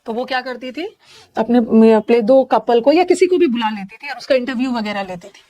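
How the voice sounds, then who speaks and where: A woman's voice: fairly high pitch, fairly quick, warm tone. A woman with an Indian accent teaching English synonyms in a live online class, explaining each word with jokes and memory tricks.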